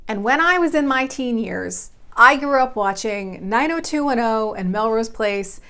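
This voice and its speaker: A bubbly woman in her thirties, talking straight to camera as a realtor and channel host. Her voice sits a little high for a woman, and she gushes with excitement in an upbeat, casual vlog manner. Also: a little slow. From Oklahoma. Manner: bubbly, gushing. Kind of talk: enthusiastic vlog talk.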